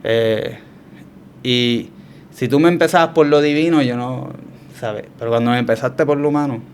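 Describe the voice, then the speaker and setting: A man with a Puerto Rican Spanish accent, telling his story as a guest in a relaxed, reflective way with frequent restarts. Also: mid-range voice, moderate pace, a little hiss or hum. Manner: reflective, hesitant with many restarts. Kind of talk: conversational testimony.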